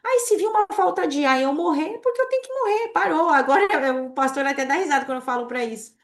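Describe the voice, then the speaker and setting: High-voiced woman preaching animatedly. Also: fast. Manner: animated preaching, acting out prayers. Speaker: pastor. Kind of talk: sermon.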